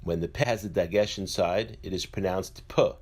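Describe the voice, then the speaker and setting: A man calmly and methodically explaining letters one by one, in a slow instructional way. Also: sits low. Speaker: teacher. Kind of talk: instructional narration.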